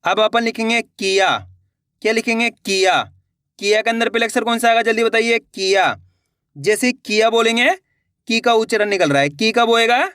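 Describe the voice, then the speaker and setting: A man with a high voice teaches Hindi reading in an online lesson. He sounds out each syllable slowly and patiently, repeating words and quizzing the listener. The recording is dry and close, with no room sound. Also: bright, forceful tone, clear, resonant tone, dry recording. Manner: patient, repeats words and asks questions back.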